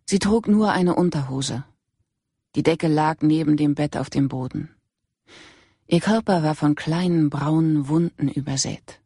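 An audiobook narrator giving a measured, even scripted reading. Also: mid-range voice, husky, dry recording, clean studio sound. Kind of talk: scripted narration of a crime novel.

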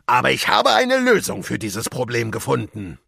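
Kapitän Rotbart, booming pirate captain, as a man puts him on. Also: wildly swooping pitch, normal speed, gravelly, no echo, clean studio sound, heavily acted. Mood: rousing. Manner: loud rousing speech-making. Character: gruff bold middle-aged male pirate captain.

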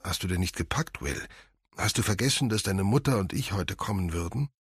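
A man voicing a gruff, rough-voiced man in an audiobook. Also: deep voice, animated, brisk, dry recording, studio quality, heavily acted. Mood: impatient.

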